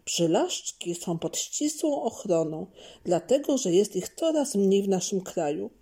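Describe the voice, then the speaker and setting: A woman's voice: medium pitch, husky, heavily acted. A woman reading a patient father explaining. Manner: calm explaining, measured.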